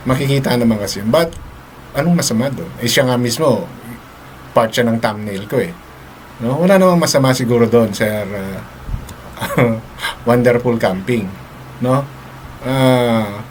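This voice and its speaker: A man's voice: mid-range voice, darkish tone, a little hiss or hum. Chatty, laughing man live-streaming. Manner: chatty, mixes English into Tagalog, laughs often, repeats "no?". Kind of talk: casual live-stream talk to viewers.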